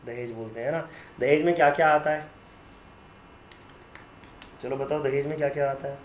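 A man's voice: medium pitch, normal speed, echoey room, a little hiss or hum. A male teacher giving an online class, teasing students by name and mixing English terms into his talk. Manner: mixes Hindi and English terms.

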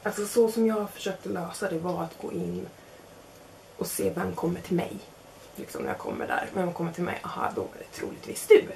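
A woman's voice: fairly low pitch, vocal fry, slight background noise. A young woman casually telling a self-mocking anecdote, acting out the other people in it. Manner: animated, self-mocking, acts out quotes. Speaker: storyteller.

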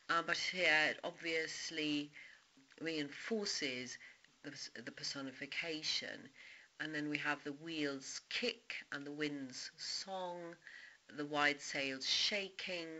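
A woman's voice: deep voice, pushed and bright, lo-fi sound. A woman teaching a poetry lesson, explaining meter and imagery step by step. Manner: explanatory, stresses meter aloud. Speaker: literature teacher. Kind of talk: poetry analysis lecture.

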